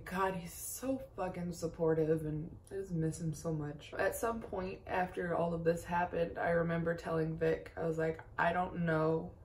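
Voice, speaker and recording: A woman's voice: deep voice, vocal fry, a little mellow, a little hiss or hum. A young woman from Texas talking candidly through grief in a tearful, shaky voice, swearing often as she rambles. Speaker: vlogger. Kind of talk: personal confessional talk.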